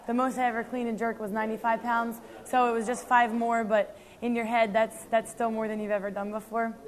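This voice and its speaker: Young woman athlete, earnest and halting, somewhat high-pitched. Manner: earnest, with frequent ums and restarts. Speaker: CrossFit athlete. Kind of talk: reflective interview answers.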